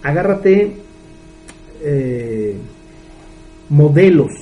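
Very slow yet animated, a man in his thirties speaks in a voice on the high side. A business mentor with a Mexican Spanish accent, he gives an earnest motivational talk with rhetorical questions. The sound is phone quality, with faint music in the background.

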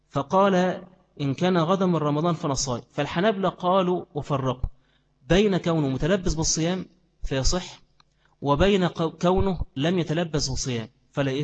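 A male Islamic teacher with an Egyptian Arabic accent gives a religious lesson, posing questions to his listeners and answering them himself. His pitch is medium, and each phrase trails off into a long reverb tail.

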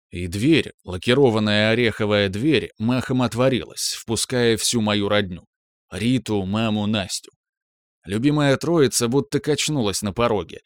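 A man reading a first-person audiobook story in a calm, reflective manner. His voice sits at a middle pitch, and the recording is dry and close. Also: no echo. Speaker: narrator.

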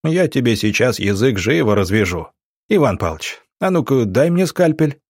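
A man voicing a gruff, hot-tempered police officer who barks threats in an audiobook. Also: mid-range voice, sing-song, normal speed, darkish tone, no echo, studio quality. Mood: threatening. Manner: barking, threatening.

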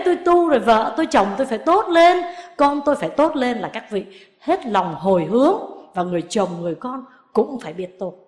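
Lively storytelling nun in an echoey room. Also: female voice, on the high side. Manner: lively storytelling, acts out quoted people, chuckles. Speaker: Buddhist nun giving a dharma talk. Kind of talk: sermon.

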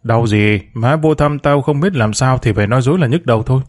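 A man voicing a bitter young woman, a student daughter, in a spoken storybook, blunt and quick. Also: mid-range voice, lightly acted.

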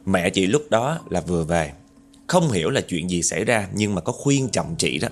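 Male narrator, chatty horror tale, swooping pitch, faint music behind. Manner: chatty, addresses listeners directly. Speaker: storyteller.

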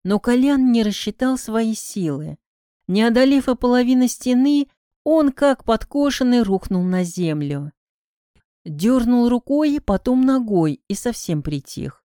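A woman reading a first-person detective novel aloud as an audiobook narrator, with a measured, even delivery. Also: a little high, clean tone, dry recording, studio quality.

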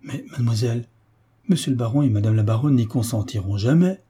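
A man's voice: mid-range voice, animated, fairly quick, dark tone, slightly rough. Man reading a fawning old governess. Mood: flustered. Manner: fussy, deferential. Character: devoted, fawning older female governess. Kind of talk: audiobook character reading.

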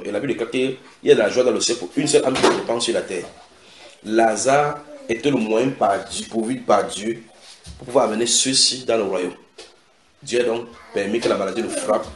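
Man preaching in an echoey room. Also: lowish voice. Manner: animated preaching with acted quotes and a shouted climax. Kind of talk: sermon. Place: house church room. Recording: echoey room, faint noise.

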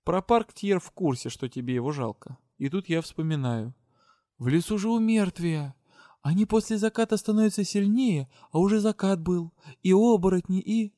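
A woman's voice: on the low side, mellow, no echo, clean studio sound, pitched above the performer's own voice, natural voice. A man voicing a revived female spirit of death who is irritable and scornful, in an audiobook. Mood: explaining. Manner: angry, slow voice.

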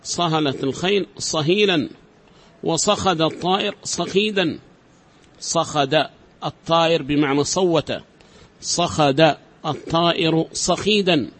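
Man, high-pitched voice, classroom teacher, patient explanations, repeats examples, quizzes students. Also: a little slow, a bit bright. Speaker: teacher of Arabic grammar. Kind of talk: classroom lecture.

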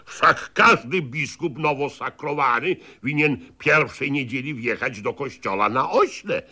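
A man's voice: medium pitch, expressive, a little slow, bright, forceful tone, voice pushed up, full character voice. A man voicing a mocking old-time male prince in a literary reading, lofty and teasing in a declamatory way. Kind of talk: literary reading, archive radio.

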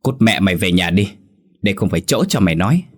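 A man's voice: low-pitched, big pitch swings, fast, a bit bright, exaggerated voice. A man voicing a hot-tempered young man who barks orders harshly. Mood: furious. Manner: harsh, barking.

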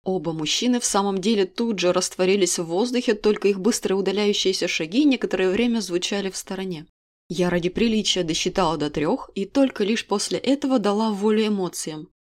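A woman reading a first-person novel aloud in an expressive, even storytelling manner. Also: mid-range voice, a little fast. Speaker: audiobook narrator. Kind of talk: scripted first-person narration.

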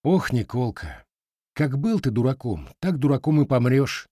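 Lead hero, audiobook: male reader as a calm, wry young Cossack, firm and teasing. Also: medium pitch, normal speed, no echo, clean studio sound, pitched above the performer's own voice, close to an everyday voice. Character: steady young Cossack marksman, mocking.

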